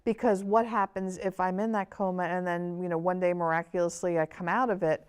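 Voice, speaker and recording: A woman's voice: fairly low pitch, little pitch movement, brisk, a little mellow, smooth. A woman hosting an interview, asking questions through hypothetical personal scenarios. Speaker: interview host. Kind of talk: conversational interview.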